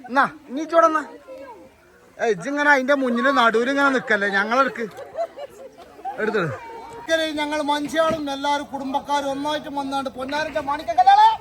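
A man with a Malappuram Malayalam accent, vlogging outdoors at a family gathering and loudly ordering and teasing his relatives. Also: extremely high pitch, brisk. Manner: loud, bossy and teasing, calling out orders. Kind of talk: casual vlog, herding relatives. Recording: busy crowd noise behind.

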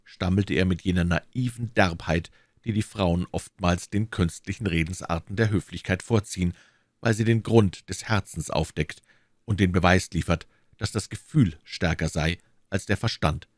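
A man narrating a classic novel as an audiobook, in a measured, expressive storytelling manner. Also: deep voice, no echo, clean studio sound.

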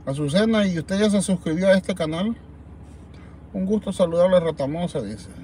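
At night in a parked car, a Salvadoran livestream host talks animatedly and meanderingly to viewers, reading their comments aloud in his Salvadoran Spanish accent. His high-pitched voice is warm and moves at normal speed, with slight background noise.

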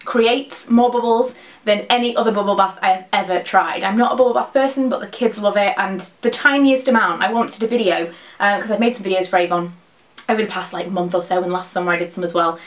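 A woman in her thirties speaks very quickly, as a beauty vlogger would to camera. Her voice sits at a medium pitch. She chats casually and rambles through product opinions with frequent asides. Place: small dressing room at home, indoors.

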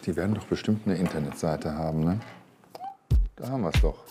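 A man's voice: sits low, fairly quick, over music. A man in his fifties, a chef hosting a restaurant show, talking frankly and reacting aloud as he tastes food in a restaurant cellar. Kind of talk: reality TV commentary. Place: vaulted restaurant cellar, indoors.

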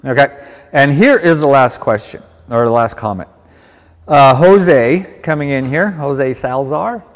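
A man's voice: mid-range voice, unhurried. A man co-hosting a live detailing class, reading out viewer comments in an easygoing, joking way and laughing often. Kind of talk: casual live-stream chat. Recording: reverberant room.

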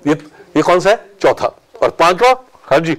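A man addresses students in a college workshop, mixing Hindi and English. His voice sits a little high, and he acts out short exchanges as he makes his points. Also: big pitch swings, normal speed. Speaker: workshop speaker. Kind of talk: motivational talk to students. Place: college hall with an audience.

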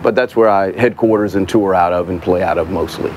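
A man's voice: sits low, a little fast, darkish tone, slight background noise. Folksy Southern man in his fifties. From Mississippi. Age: 50s. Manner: folksy, joking storyteller. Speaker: guest musician. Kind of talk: casual interview chat. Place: outdoor porch.

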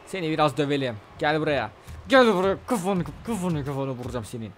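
A young man with a sore throat doing casual, excitable let's-play commentary, trash-talking his opponent and bursting into loud shouts. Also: on the high side, a little fast. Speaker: gaming channel host.

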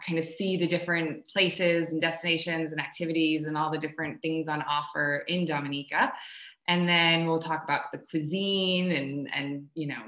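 A woman's voice: fairly low pitch, sharp tone. A woman in her thirties from the United States, co-owner of a travel company, hosting a casual webinar in a friendly, chatty way with many fillers. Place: home room, video call. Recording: echoey room.

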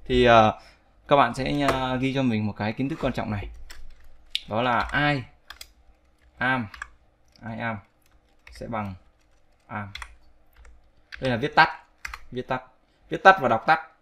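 A man's voice: medium pitch, takes it slowly, pauses often, pushed and bright, slight background noise. A man teaching an online language lesson, patiently repeating phrases for his students to drill. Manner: patient, instructive. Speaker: English teacher.

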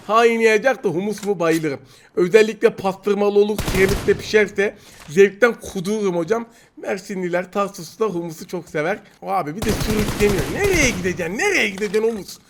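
High-voiced man trash-talking over gunfire. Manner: excited, teasing and trash-talking opponents. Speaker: mobile game streamer. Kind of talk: gameplay commentary. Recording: noisy game audio with gunfire. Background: gunfire and game sounds.

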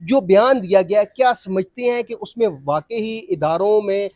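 Reporter guy, real high voice, asking pointed questions, dry close sound. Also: normal speed, darkish tone, dry recording. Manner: probing, leading questions. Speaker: news reporter. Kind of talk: field reporting and interviewing.

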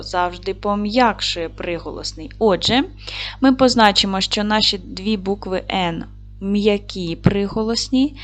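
A woman teaching a recorded lesson to young children. She is patient and encouraging, asks questions, and answers them herself. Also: mid-range voice. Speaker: primary school teacher.

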